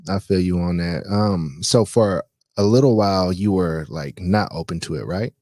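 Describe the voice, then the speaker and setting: Deep-voiced laid-back male podcast host. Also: moderate pace, a little mellow, no room sound, clean studio sound. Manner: laid-back, rambling, filler-heavy. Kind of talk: casual chat.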